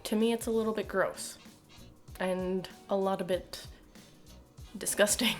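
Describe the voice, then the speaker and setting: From a small room indoors at home, this young adult commentator with a Canadian accent voices her opinions to camera, casual yet emphatic, sardonic and exasperated. She speaks at a measured pace in a mid-range voice with fairly even intonation. There's faint music in the background.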